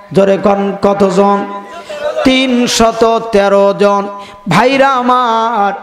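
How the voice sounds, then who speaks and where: Man, waz preacher, sing-song chanting, calls for crowd replies, slow delivery, roomy echo, faint music behind. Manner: sing-song chanting that climbs high, calling the crowd to answer. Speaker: Islamic preacher. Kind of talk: chanted Bengali waz sermon. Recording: echoey hall reverb, faint music.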